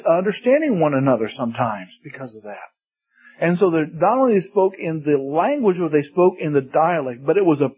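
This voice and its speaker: A native English-speaking man with a high-pitched, husky voice preaches a conversational teaching sermon, frequently questioning his congregation and joking in passing. The recording is dull and lo-fi.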